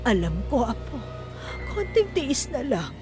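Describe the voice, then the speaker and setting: A woman's voice: fairly high pitch, very animated, unhurried, music in the background. Lola Tiray, tormented old aswang grandmother. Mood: weary. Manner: pleading, moaning, desperate. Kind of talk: animated storybook voice acting.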